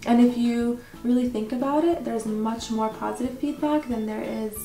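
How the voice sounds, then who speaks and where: A woman being interviewed as a pageant winner, chatting casually and haltingly with lots of filler words. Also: a little high. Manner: informal, halting, frequent "like" and "you know". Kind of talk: casual question-and-answer chat. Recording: echoey room with background music.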